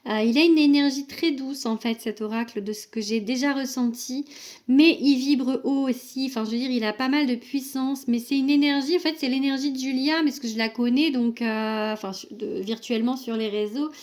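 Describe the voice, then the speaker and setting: A woman's voice: sits high, steady tone, normal speed, a little mellow. A young woman casually presenting an oracle card deck, hesitant with many fillers, reading card texts aloud.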